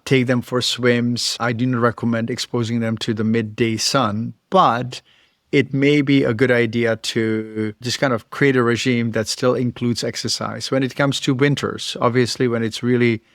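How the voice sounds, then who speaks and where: A middle-aged veterinarian with a Czech accent gives a casual educational talk to camera, thoughtful and explanatory with occasional chuckles. His medium-pitched voice holds a level tone at normal speed, in clean studio sound with no room sound.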